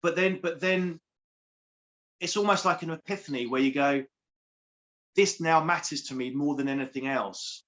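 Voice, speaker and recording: A man's voice: on the high side, normal speed, pauses often, fairly bright tone. A man, a coach speaking earnestly as an interview guest, repeating phrases for emphasis. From England. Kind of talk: heartfelt interview.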